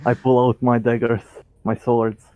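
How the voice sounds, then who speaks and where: A man's voice: medium pitch, level tone, a little slow, no echo, narrow, tinny audio. A man playing a tabletop game who talks hesitantly, stammering with many fillers. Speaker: player. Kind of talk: tabletop role-play chat.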